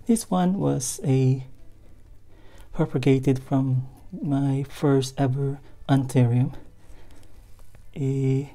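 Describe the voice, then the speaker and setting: A woman with a very low, dark voice talks slowly through a casual plant tour in her spare room. She hesitates often, filling gaps with fillers and poking fun at herself. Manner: hesitant, many fillers, self-deprecating. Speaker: plant vlogger.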